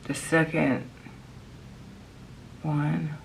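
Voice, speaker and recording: A woman talks her way casually through a makeup tutorial while chewing gum. Her delivery is unhurried, with a gravelly fry, and often drops to a near-whispered murmur. There is faint noise behind her. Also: sits low, little pitch movement, poor audio.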